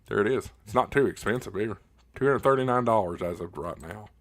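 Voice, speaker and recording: Talking close on a directional studio condenser microphone, this low-pitched ham radio livestream host chats casually and answers his viewers' questions. He is folksy, saying "y'all" and "folks," and speaks haltingly with pauses.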